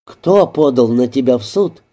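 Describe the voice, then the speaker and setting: A worried, sharp-tongued woman, put on by a male audiobook narrator, speaks slowly in a slightly raised voice. The timbre stays very dark and mellow. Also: medium pitch, expressive.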